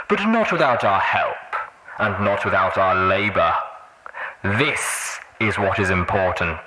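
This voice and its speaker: A man voicing a grandiose pony warlord, delivering a measured, rhetorical propaganda speech in an audio drama radio broadcast. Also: lowish voice, noisy background. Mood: stirring, resolute. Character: Red Eye, grandiose male pony warlord orator.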